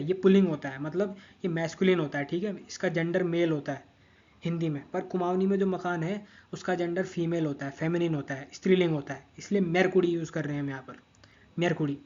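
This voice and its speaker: A man's voice: a little high, fairly even intonation, fairly quick, a little mellow, dull audio. A man teaching language grammar, patiently repeating each word several times and checking that the listener follows. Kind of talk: explaining grammar over a screen of notes.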